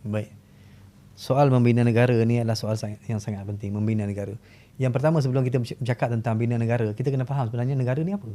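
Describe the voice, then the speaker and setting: Fast-talking Malaysian man explaining. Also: medium pitch, fairly even intonation, dark tone. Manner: fast, explanatory, asks and answers own questions. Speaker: historian guest. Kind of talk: podcast interview.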